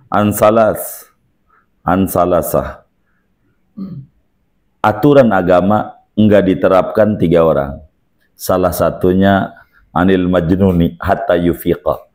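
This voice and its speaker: Jokey male preacher, low voice. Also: a little mellow. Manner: jokey, uses Betawi slang and repeats phrases. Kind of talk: religious lecture to a congregation.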